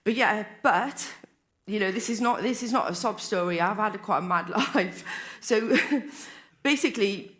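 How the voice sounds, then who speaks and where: Speaking at a moderate pace in a medium-pitched, slightly bright voice, this woman from Wales, in her forties, tells her personal story from the stage of a convention hall. It's a recovery convention, and her share is candid and rambling, with frequent restarted sentences.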